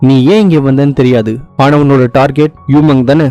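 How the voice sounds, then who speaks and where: A man's voice: medium pitch, fairly even intonation, a little fast, warm tone, soft background music, pitched below the performer's own voice, lightly acted. A man voicing a ruthless young male villain prince in a drama recap, cold, curt and threatening. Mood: menacing.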